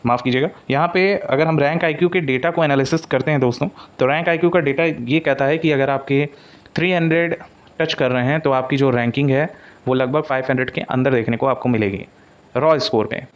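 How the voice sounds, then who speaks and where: This coaching presenter speaks fairly quickly in a mid-range voice, offering a casual update that explains things, sprinkles in English words, and restates key points. The recording sounds dull and lo-fi.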